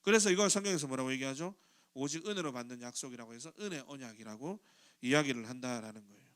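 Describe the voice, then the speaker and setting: Bright-voiced pastor asking his congregation questions. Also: medium pitch, quick pace, clear, resonant tone. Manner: chatty, asks the congregation questions; acts out quoted voices in short bursts. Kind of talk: youth sermon. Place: church sanctuary.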